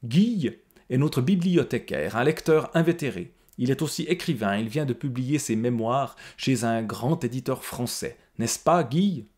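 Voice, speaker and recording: A man's voice: medium pitch, expressive, measured pace, darkish tone, lightly acted. A man reading the lines of a flustered, obsequious male prison director in an eager, fussy way.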